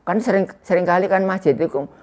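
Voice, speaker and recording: A man in his sixties with an East Javanese accent, giving an Islamic study lecture to a small indoor congregation in a loud, projecting voice without a microphone, chatting with his listeners. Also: high voice, quick pace. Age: 60s. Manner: conversational, teasing the audience. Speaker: religious teacher. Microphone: no loudspeaker or microphone used.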